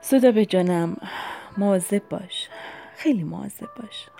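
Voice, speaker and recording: A woman voicing a lonely elderly aunt who speaks softly and tenderly in an audiobook. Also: mid-range voice, gravelly, faint music behind, close to an everyday voice. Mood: tender, wistful.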